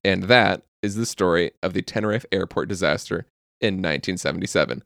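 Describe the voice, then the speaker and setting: A man's voice: deep voice, a little fast, vocal fry, background noise. A young man co-hosting a casual podcast, telling a story from notes and breaking into jokes and swearing. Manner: jokey, swears freely, reads facts then riffs. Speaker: podcast co-host.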